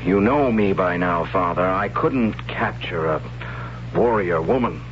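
In a 1970s radio drama, a male actor with a deep, unhurried voice plays a timid young tribesman narrating his story in a wry, hesitant way. The recording is a dull old radio broadcast with music and a little hiss or hum.

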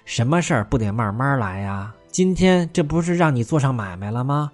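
A man voicing a sharp-tongued young servant wife. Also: mid-range voice, expressive, brisk, soft background music, natural voice. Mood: scolding. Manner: scolding, then pleading.

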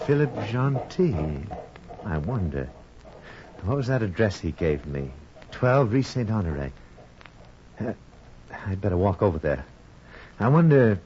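An actor playing an earnest middle-aged doctor who speaks gently and soothingly, in 1940s radio acting on a muffled old transcription. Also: male voice, lowish voice, sing-song, unhurried, long pauses, noisy background. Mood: puzzled.

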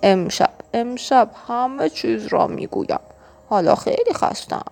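A woman voicing a weary, loving shepherd father in a children's audiobook, speaking gently and patiently. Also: on the high side, expressive, vocal fry, soft background music. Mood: gentle patient. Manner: gentle, patient storybook delivery.

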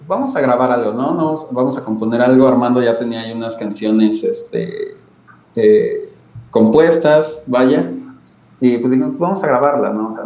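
A man's voice: mid-range voice, mellow. A man with a Mexican accent chatting casually as an interview guest over an internet call from a small room. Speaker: guest, band bassist. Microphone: video call. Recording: echoey, distant, dull internet call.

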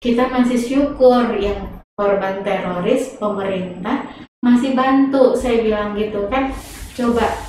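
A woman being interviewed, telling her story in an animated way and slipping English phrases in. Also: fairly high pitch, measured pace, distant mic, a little hiss or hum. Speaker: interview guest. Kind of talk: conversational interview. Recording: echoey room, voice off-mic.

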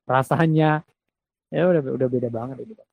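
A man talking about songwriting in a casual conversation, reflective and halting, restarting his sentences. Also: medium pitch, gravelly, breathy edge, narrow, tinny audio.

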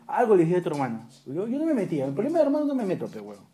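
Peruvian guy spinning a rowdy anecdote, mellow low-key tone, lots of slang and swearing. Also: rapid-fire. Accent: Peruvian Spanish. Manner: animated, slangy, swears freely. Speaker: podcast co-host. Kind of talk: casual storytelling among friends.

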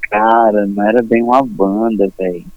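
A man's voice: on the low side, little pitch movement, normal speed. A man with a Brazilian Portuguese accent chatting casually and slangily as an interview guest on a phone call.

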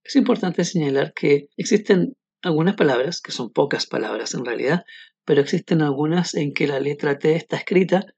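A man teaching English pronunciation in a scripted podcast, explaining clearly and modeling words slowly. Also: on the high side, animated, darkish tone, no room sound, lo-fi sound.

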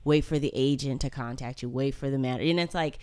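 A woman interviewing a guest in a relaxed chat, agreeable and quick to affirm. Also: rumbling low, clean tone. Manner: agreeable, lots of affirming backchannels.

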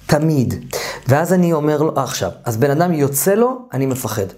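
Animated man giving an informal lecture. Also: a little high. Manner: animated, acts out therapy dialogues with raised voice; trails off and restarts sentences often. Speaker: therapy course lecturer.

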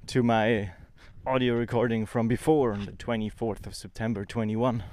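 A man's voice: mid-range voice, steady tone, normal speed, a little mellow. A man speaking non-native English with a Swiss accent, rambling informally and thinking aloud as he records a casual audio diary as an amateur podcaster.

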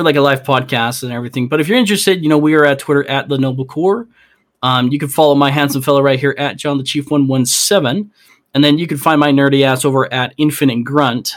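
Medium in pitch and a little bright, this male voice belongs to a gaming podcast co-host. He chats casually and theorizes in a wandering way, full of fillers and false starts.

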